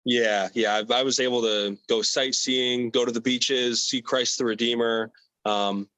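A young man answering interview questions about competing abroad in a relaxed, casual way, with many fillers and repeated words. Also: medium pitch, a little slow, dry recording, low-quality recording. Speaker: athlete guest.

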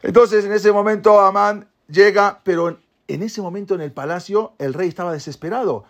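A man retelling a holiday story as a religious teacher, in a lively way, acting out the quoted lines and scattering in Hebrew terms. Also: high-pitched, normal speed. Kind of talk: animated storytelling lesson.

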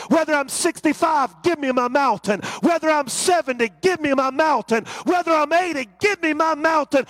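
A male preacher with a high voice that has a bright edge delivers his sermon in rising, rhythmic refrains. The recording is dry and close, with no room sound around him.

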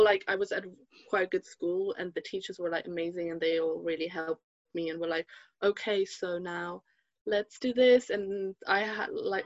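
A woman's voice: lowish voice, no room sound, lo-fi sound. A woman in her twenties from Germany, a podcast guest chatting casually and hesitantly, full of fillers and restarts. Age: 20s. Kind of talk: casual interview chat.

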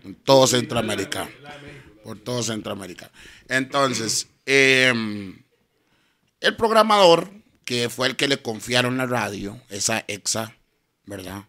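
Bright-voiced man telling stories. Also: medium pitch, a little slow. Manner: slangy, keeps adding tag questions. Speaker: guest DJ. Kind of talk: casual storytelling.

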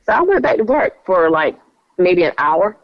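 A woman tells her personal testimony in an expressive way and repeats phrases for emphasis. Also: on the low side, moderate pace, vocal fry, no room sound. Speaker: guest telling her testimony. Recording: dry, slightly dull audio.

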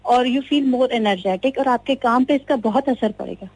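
Female caller heard over a phone line, slightly high voice, earnest and instructive. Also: unhurried, a little mellow, breathy edge, no room sound. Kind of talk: radio call-in, giving health tips.

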